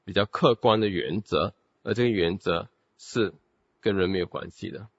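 A man's voice: low-pitched, normal speed, husky, no room sound. A man giving a theology lecture, explaining step by step with rhetorical questions and saying "OK" constantly between phrases. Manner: peppers speech with "OK" and English terms. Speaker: theology teacher. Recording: dull, dry lo-fi recording.

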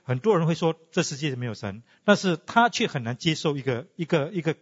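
A husky man with a somewhat raised, very animated voice teaches a class and keeps throwing questions at his students. He slips English words into his talk. The sound is dull, with a long hall reverb behind it. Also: a little high, fairly quick. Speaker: teacher leading a class discussion.

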